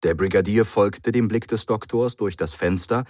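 A man reading a story aloud in measured, expressive narration. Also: on the low side, no echo, clean studio sound. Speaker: audiobook reader.

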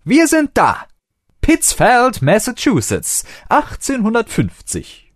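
Guy doing a hyper eccentric time traveler, way higher than his own voice, loud and bouncy. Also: huge pitch swings, unhurried, no echo, studio quality. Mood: excited. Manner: exclamatory, breathless enthusiasm.

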